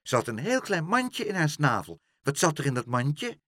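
Eager small child from a children's storybook, high and quick, played by a male reader; husky and dry. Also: sing-song, sharp tone, dry recording, heavily acted. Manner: eager, chattering.

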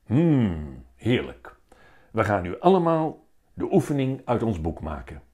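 A man's voice: lowish voice, measured pace. A man voicing a playful, theatrical bearded schoolteacher. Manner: theatrical, animated teaching.

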